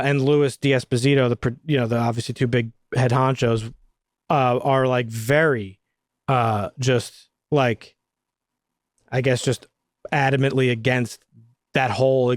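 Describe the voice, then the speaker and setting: A man co-hosting a film podcast in casual chat, animated and profane, often laughing. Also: medium pitch, normal speed, dry recording, studio quality. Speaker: podcast co-host.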